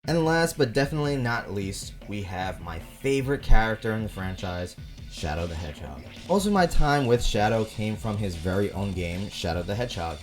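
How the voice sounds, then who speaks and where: A man's voice: lowish voice, expressive, moderate pace, over music. A young man hosting a video essay, reading scripted commentary.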